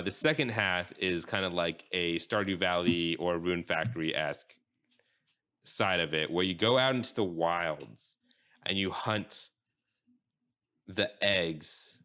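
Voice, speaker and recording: A young man hosting a casual podcast, rambling and halting with many fillers. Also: low voice, sharp tone. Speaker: podcast host.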